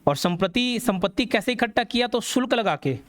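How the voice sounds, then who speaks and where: A man's voice: very high voice, animated, brisk, dry recording. A man teaching a classroom history lecture, telling the story and quizzing students as he goes. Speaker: exam coaching teacher.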